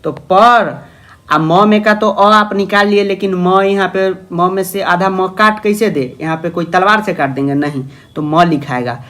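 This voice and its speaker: Male tutor with a fairly high voice who explains patiently and coaxes his students along, voicing their questions himself. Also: steady tone, unhurried, fairly bright tone. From India. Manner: asks and answers imagined student questions himself; coaxing, calls listeners "babu". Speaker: teacher. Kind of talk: classroom-style grammar lesson.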